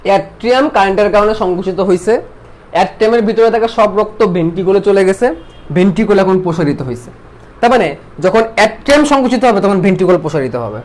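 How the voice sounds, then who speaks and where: A man teaches a biology class online. His voice sits high and his delivery is quick. He fires questions at his students, repeats them several times, and then answers them himself.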